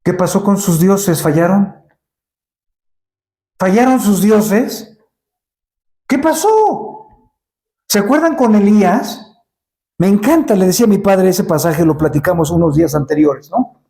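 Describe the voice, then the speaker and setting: A man's voice: sits high, moderate pace, vocal fry, mellow, reverberant. A man preaching a sermon in a church, asking the congregation rhetorical questions and acting out Bible scenes.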